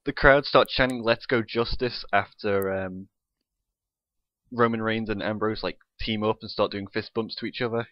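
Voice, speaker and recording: A man's voice: fairly low pitch, fairly even intonation, normal speed, no echo, highs cut off. A young man co-hosting a podcast, recapping a wrestling show play by play in casual chat and swearing freely. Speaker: podcast co-host.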